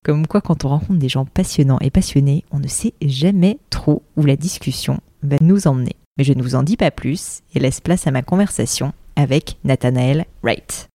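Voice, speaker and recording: A woman hosting a podcast, her voice mellow and warm as she works through long, winding questions. She pauses and hesitates often, and she is recorded close with no room sound. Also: a bass voice, dry recording. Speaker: podcast host. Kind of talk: casual podcast interview.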